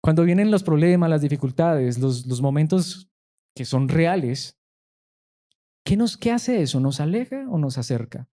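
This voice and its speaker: A man's voice: on the high side, lively intonation, normal speed, warm tone. A man pastor, preaching a sermon emphatically and asking his listeners rhetorical questions.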